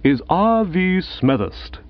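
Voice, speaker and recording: A man's voice: sits high, sing-song, slow, pitched above the performer's own voice, exaggerated voice. Guy doing a stuffy headmaster reading out prizes, kinda muffled. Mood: stiff, formal. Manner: formal, clipped announcing. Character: stiff bearded schoolmaster presiding over prize-giving.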